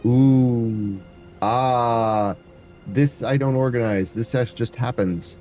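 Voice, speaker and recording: Soft background music accompanies a variety streamer's casual gameplay commentary on a live stream, where he rambles, thinks out loud and hums to himself. He sounds stuffy, and his mellow voice is medium-pitched and unhurried.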